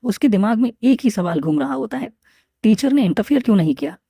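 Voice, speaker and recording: A woman narrating a recap of a comic story in a steady storytelling delivery. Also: on the high side, fairly quick, breathy edge, no echo, studio quality.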